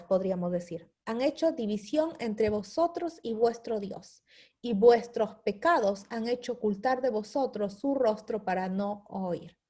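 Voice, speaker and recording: A woman's voice: a little high, dark tone. A woman teaching a Bible study lesson, explaining step by step and checking in with her listeners with a repeated "¿sí?".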